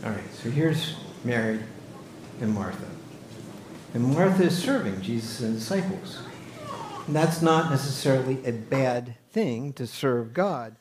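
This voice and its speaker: A man's voice: medium pitch, animated, unhurried, background noise. A man preaching a sermon earnestly, now and then pressing a point with emphasis. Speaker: pastor.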